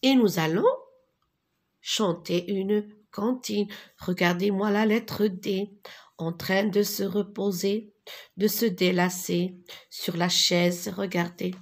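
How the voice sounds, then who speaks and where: A woman teacher giving a reading lesson to young children, speaking deliberately and repeating each word for her pupils. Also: medium pitch, fairly even intonation.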